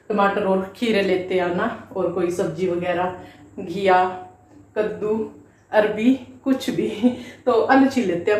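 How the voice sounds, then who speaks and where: A woman's voice: mid-range voice, a little mellow. A woman, chatting homely and direct to viewers in a home vlog, recorded on a phone in her kitchen with a fan humming. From Haryana, India. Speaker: housewife vlogger. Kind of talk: casual home vlog chat. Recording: echoey room with fan hum. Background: ceiling fan noise.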